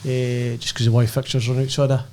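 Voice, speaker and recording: A Scottish man co-hosting a podcast with a mid-pitched voice. He chats and tells his stories casually, in the loose style of banter among mates. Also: little pitch movement, fast talker, mellow, slight background noise. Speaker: podcast co-host; amateur football referee.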